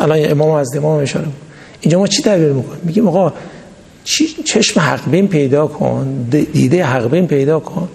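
Man, religious lecturer, fairly high gravelly voice, long hall reverb. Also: warm tone. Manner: reads text then explains in colloquial speech with stories. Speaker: religious teacher.

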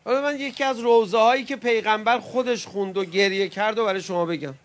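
A man preaching an emotional religious sermon at a mourning gathering. He swings between loud, impassioned cries and soft, intimate words to the crowd, and calls his listeners friends. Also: high-pitched, steady tone.

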